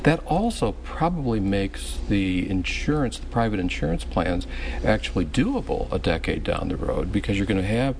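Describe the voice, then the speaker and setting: A man explaining his views in a political panel discussion, halting and repeating words as he goes. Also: low voice, lively intonation, a little mellow. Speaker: panel guest. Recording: clear background noise.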